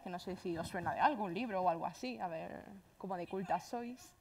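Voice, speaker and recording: A woman with an Andalusian accent giving a chatty, self-deprecating conference talk, speaking quickly. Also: a little high.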